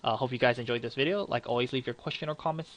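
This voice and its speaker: A man's voice: mid-range voice, rapid-fire, fairly bright tone, lo-fi sound. A young man giving casual, frank card game commentary, rambling with fillers and restarts.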